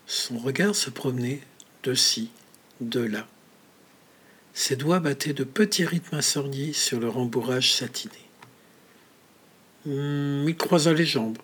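A man narrating a story in a measured manner, often dropping to a whisper. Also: medium pitch, fairly bright tone, husky. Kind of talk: audiobook story reading.

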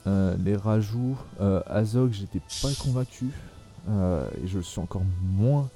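Young male podcast host, low dark voice, hesitant, filler-heavy delivery, faint music behind. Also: measured pace. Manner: hesitant, many fillers and restarts. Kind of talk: casual film discussion.

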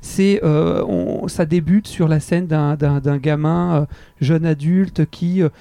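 A man with a gravelly, fry-edged voice chats casually as a podcast co-host, stumbling through his sentences with plenty of fillers and restarts. His tone is dark and mellow, pitched a little high, and the recording is close and dry. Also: steady tone, dry recording. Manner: rambling, halting, many fillers and restarts. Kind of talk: casual chat.

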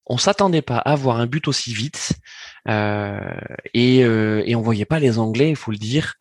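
A man's voice: medium pitch, a little slow, no room sound. Male match commentator, chatty and rambling, dry close mic. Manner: rambling, frequent restarts. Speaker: football commentator.

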